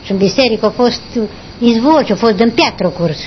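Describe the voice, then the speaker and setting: An older woman, recalling her past in a rambling, halting way during an interview. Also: on the high side, expressive, slight background noise. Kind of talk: oral history recollection. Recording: dull lo-fi recording.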